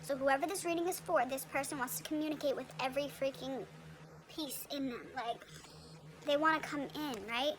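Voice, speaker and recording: Young woman doing a tarot reading, high voice, talking around a retainer, lots of "like" and "okay?", faint hiss behind. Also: moderate pace. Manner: chatty, many fillers and tag questions. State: talking with a retainer in her mouth. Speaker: tarot reader.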